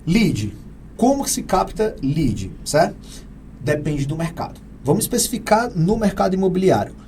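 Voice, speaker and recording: A man with a Brazilian Portuguese accent answering interview questions in an energetic, emphatic, teacherly way, often posing rhetorical questions. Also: high voice, normal speed, a little hiss or hum. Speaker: real estate AI consultant guest.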